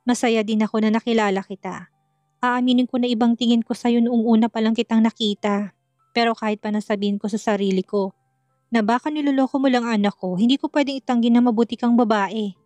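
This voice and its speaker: A woman reading the part of a stern older mother-in-law who scolds firmly but softens with tenderness. The voice sits fairly high and dry, close to the mic, with faint music underneath. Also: fairly even intonation, a little fast, no echo, lightly acted. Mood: tender. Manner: firm, scolding yet tender. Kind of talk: storybook narration.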